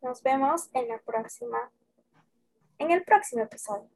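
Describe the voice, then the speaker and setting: A woman's voice: high voice, lively intonation, moderate pace, gravelly, a little mellow. A woman hosting a podcast, talking in a casual, conversational way. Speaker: podcast host.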